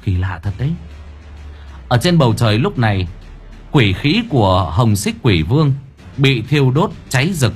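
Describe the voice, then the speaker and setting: A man's voice: medium pitch, normal speed, husky, faint music behind. A man narrating an audiobook expressively. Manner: expressive storytelling. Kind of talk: scripted narration.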